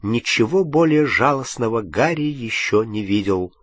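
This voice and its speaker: A man reading an audiobook narration in an even, measured manner. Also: medium pitch, slightly rough, dry recording, studio quality.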